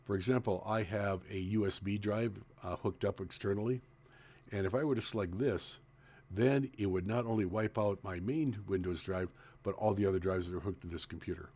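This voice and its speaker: A man's voice: lowish voice, steady tone, normal speed, darkish tone. A man walking through a computer task step by step in a plain, explanatory screen-recording tutorial. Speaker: tech tutorial presenter.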